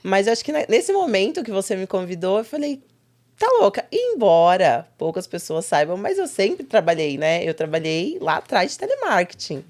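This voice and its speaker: A young adult woman, a guest in a casual interview, telling stories with lively quoted asides. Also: medium pitch. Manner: animated storytelling with quick quoted asides.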